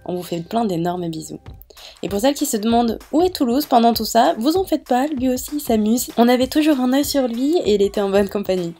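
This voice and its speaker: A woman's voice: on the high side, animated, a little fast, mellow. A woman giving a casual, chatty voice-over narration in the manner of a vlogger. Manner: chatty, informal. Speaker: vlogger narrating a family holiday video. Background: background music.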